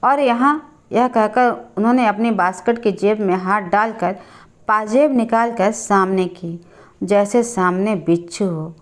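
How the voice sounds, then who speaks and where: A woman host narrating a literary short story in a measured, expressive reading. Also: mid-range voice.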